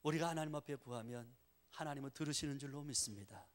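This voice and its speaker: A middle-aged male pastor preaches animatedly at a quick pace in a medium-pitched voice, often prompting the congregation with rhetorical questions.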